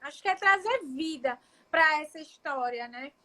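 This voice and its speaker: A woman with a very high, bright voice hosts a casual live chat on a video call. She talks in a reflective, searching way, often restarting a thought and checking in with her listener. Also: expressive, moderate pace. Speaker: child psychologist and live-stream host.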